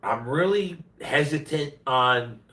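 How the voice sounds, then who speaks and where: Fairly high-pitched, expressive and slow, his voice is bright and forceful even though he's ill, congested, nasal and worn out. He hosts a casual, rambling livestream from home, blunt, slangy and plain-spoken. The echoey, roomy indoor space is captured by a faraway mic.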